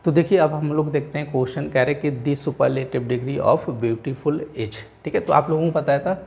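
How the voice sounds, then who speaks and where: A man teaching English grammar in a Hindi-language class, with an Indian accent, who keeps repeating "theek hai" and slows down to read example sentences word by word. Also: a little high, gravelly, darkish tone. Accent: Indian English, Hindi-speaking. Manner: repeats "theek hai" and "aap log dhyan rakhen" often.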